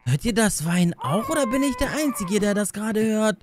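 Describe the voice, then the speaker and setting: A young man doing excited let's-play commentary as a gaming YouTuber, talking straight to his viewers with lots of exclamations. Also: sits high, fairly quick, noisy background. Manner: animated, exclamatory, addresses viewers directly.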